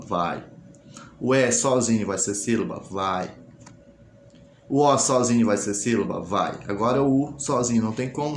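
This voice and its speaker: A man teaching a recorded class, explaining step by step and asking and answering his own questions. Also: on the low side. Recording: echoey room, faint noise.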